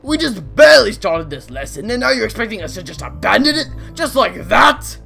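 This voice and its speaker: A woman's voice: a little high, sing-song, fairly quick, gravelly, sharp tone, soft background music, full character voice. A woman voicing a short-tempered, theatrical talking alarm clock who teaches in a cartoon fan dub. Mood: indignant, angry.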